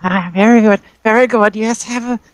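A game master voicing a fussy, polite old woman shopkeeper who appraises items, speaking slowly with hesitations. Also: mid-range voice, fairly even intonation, voice pushed up, close to an everyday voice, poor audio. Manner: slow, polite, hesitant with many ums. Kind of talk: tabletop game character voice.

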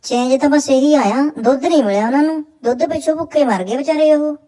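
Crude, sarcastic Punjabi woman, higher-pitched. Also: quick pace, mellow. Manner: crude, sarcastic, bawdy banter. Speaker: commentator reacting to a clip. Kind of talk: mocking reaction commentary.

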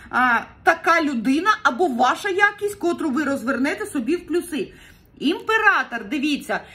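A woman with a very high voice talks straight to her viewers as she reads tarot cards. Her delivery is chatty and earnest, full of little fillers and quick laughs. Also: fairly bright tone. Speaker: tarot reader. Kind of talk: casual tarot reading advice to viewers.

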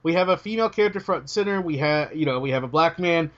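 A British man co-hosting a casual podcast chat, joking and cutting himself off, his voice starting to go hoarse. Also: fairly high pitch, fast talker. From Britain. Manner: animated, joking, self-interrupting. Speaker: podcast co-host. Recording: dull lo-fi audio.

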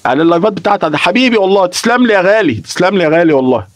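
A man's voice: high-pitched, expressive, racing, no echo. A young Egyptian man chatting on a live stream, emotional and repeating himself, swearing oaths as he talks. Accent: Egyptian Arabic. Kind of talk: casual live-stream chat.

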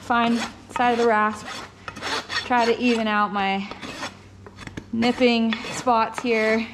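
A young adult woman demonstrates hoof trimming in a concrete-floored barn, her somewhat high voice delivering flat, halting bits of thought as she works. Clear rasping and the clatter of tools fill the background.

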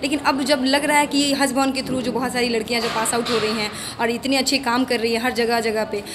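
Fast-talking young woman, articulate. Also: a little high, steady tone, background noise. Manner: articulate, fluent. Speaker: police sub-inspector recruit. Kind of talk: interview answer. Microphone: handheld mic.

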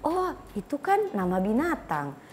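Unhurried, with a slightly high voice whose pitch swoops wildly, a woman in her thirties with an Indonesian accent talks informally as a guest expert. She acts out short dialogues between parent and child, wearing a clip-on lapel mic on a small furnished studio set indoors.

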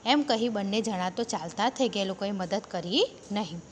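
Woman teacher with Gujarati accent, mid pitch, patient story-reading lesson recorded in a reverberant room. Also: moderate pace. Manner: reads a line then retells it in plain words. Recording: echoey room with faint noise.

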